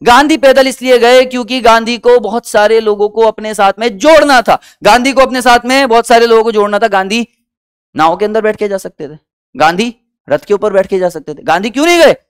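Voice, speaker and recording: High-voiced male teacher quizzing pupils. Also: fairly quick, clean tone. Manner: quizzes students with repeated questions and calls them beta, acts out short quoted bits. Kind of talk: energetic classroom-style lesson.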